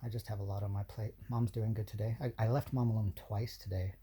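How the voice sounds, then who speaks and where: An emotional man near tears, talking to a partner in a rambling, halting way with nervous laughs and many restarts. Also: lowish voice, steady tone, mellow, a little hiss or hum. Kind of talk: personal video message to a partner.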